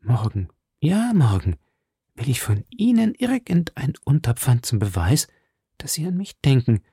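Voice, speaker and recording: A man reading aloud and voicing a seductive, scheming noblewoman who speaks softly and with a tremor. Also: medium pitch, very animated, measured pace, gravelly, slightly rough, dry recording, studio quality, heavily acted. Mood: tender. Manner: soft, intimate, tremulous.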